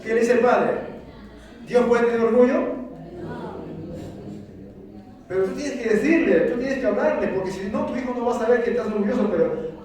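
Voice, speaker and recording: A man's voice: very high voice, moderate pace, pauses often, a crowd in the background. A man preaching a sermon to his congregation, speaking fervently and asking them questions. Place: church sanctuary. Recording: very echoey church, mic at a distance.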